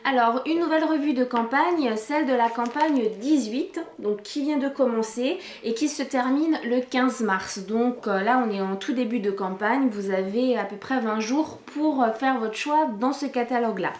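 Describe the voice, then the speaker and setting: A woman's voice: fairly high pitch, normal speed, hardly any pauses, reverberant. A woman chatting casually through a product review vlog, talking with many fillers and restarts into a camcorder microphone.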